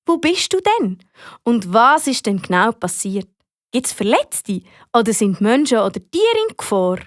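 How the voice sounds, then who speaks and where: A woman voicing a calm, kind female fire dispatcher who speaks reassuringly, with a Swiss German accent. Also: a little high, unhurried, no echo, studio quality.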